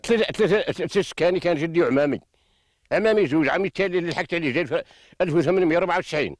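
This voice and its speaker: A man's voice: on the high side, racing, dry recording, studio quality. An older man with a western Algerian accent, a farmer giving impassioned, insistent testimony into a handheld microphone outdoors, repeating himself in an aggrieved manner. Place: outdoors in open farmland. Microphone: handheld reporter microphone.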